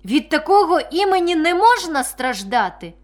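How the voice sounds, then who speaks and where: A woman voicing a lively, cheeky schoolboy who speaks eagerly, with slow and emphatic delivery, in a storybook reading. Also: high-pitched, voice pushed up.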